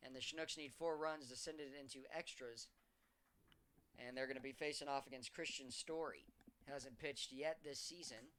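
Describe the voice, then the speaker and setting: A man calling baseball play-by-play as the team's announcer, keeping a steady call that lifts in energy on hits. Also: medium pitch, normal speed, slight background noise.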